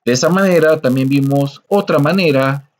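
A man's voice: fairly high pitch, moderate pace. A man teaching a screen-recorded coding lesson, explaining patiently step by step and often checking in with listeners.

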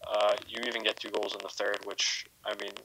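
Low, bright-toned man breaking down hockey. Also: monotone, brisk, a little hiss or hum, poor audio. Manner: analytical, stammers on repeated words. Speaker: podcast co-host. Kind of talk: casual sports analysis.

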